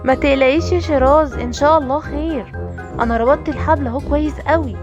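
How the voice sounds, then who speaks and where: A woman with an Egyptian accent voicing a caring, nervous mother in a toy-figure play story for kids, fretting out loud as she goes. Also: high voice, quick pace, dull audio, natural voice. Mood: scared. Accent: Egyptian Arabic. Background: children's music.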